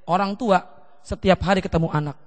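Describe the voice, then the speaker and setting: A man pastor preaching a seminar sermon in a lively way, acting out children and parents in quick little voices. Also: high voice, big-room sound.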